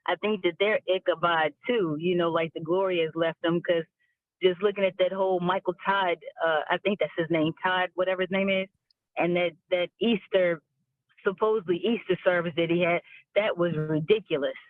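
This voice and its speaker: A man calling in on a phone from his car, talking in a casual, halting way with frequent restarts. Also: high voice, steady tone, no echo. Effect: phone call from a car on speakerphone. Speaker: caller. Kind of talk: casual call-in chat. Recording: tinny phone line.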